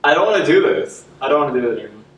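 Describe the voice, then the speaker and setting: A man's voice: medium pitch, sing-song, racing, a little hiss or hum. A young man vlogging with his sister, joking and easygoing, a bit squeamish. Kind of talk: casual chat. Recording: echoey room, far mic, faint music.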